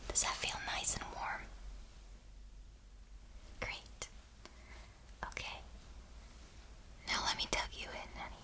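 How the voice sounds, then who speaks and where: A woman performs a whispered role-play as a doting bedtime caregiver. Her breathy whisper is very sharp and bright, with no voiced tone. She takes her time with every phrase, tender and reassuring in close personal attention. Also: takes it slowly, long pauses. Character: doting, soothing caregiver tucking someone in at bedtime. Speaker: ASMR host playing a caring bedtime companion.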